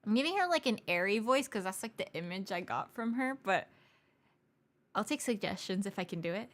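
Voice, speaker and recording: A woman's voice: mid-range voice, lively intonation, a little fast. A woman streamer with a stuffy nose, chatting casually and giggling self-deprecatingly into a desk mic. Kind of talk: casual live-stream chat.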